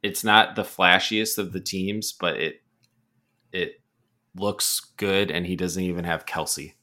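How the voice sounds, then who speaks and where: Man, podcast host, casual chat, very low pitch, unhurried pace. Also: steady tone, sharp tone. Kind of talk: casual fantasy football chat.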